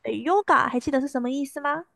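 A woman teaching a language lesson, patiently repeating words slowly and clearly for her students. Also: high-pitched, a bit bright, no room sound, studio quality.

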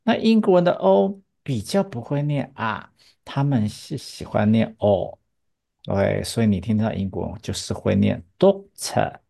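Gravelly, lively teacher drilling English words. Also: female voice, rumbling low, normal speed. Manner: patient, drills words, asks rhetorical checks. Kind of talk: bilingual English pronunciation lesson.

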